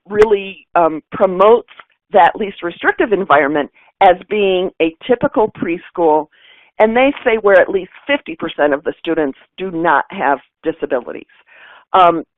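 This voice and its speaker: A woman's voice: medium pitch, dry recording. Woman, webinar presenter, patient explainer, tinny phone-line sound, dry. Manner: explanatory, careful spelling out. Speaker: webinar presenter answering questions. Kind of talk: Q and A answer.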